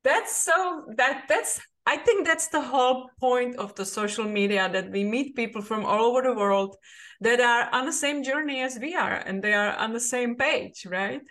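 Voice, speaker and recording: A woman's voice: a little high, moderate pace, a bit bright. A woman with a Czech accent hosting a podcast interview, upbeat and inviting, with emphatic delivery. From Czech Republic. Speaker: podcast host. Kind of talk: podcast interview with scripted intro.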